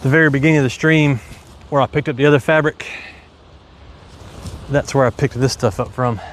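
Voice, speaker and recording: A man's voice: mid-range voice, fairly even intonation, a little fast, a little hiss or hum. A man with an Appalachian hillbilly twang, giving casual, folksy commentary as he works and thinks aloud on a livestream. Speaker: farmer livestreaming his work. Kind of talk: casual impromptu livestream commentary while working. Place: outdoors in a windy farm garden.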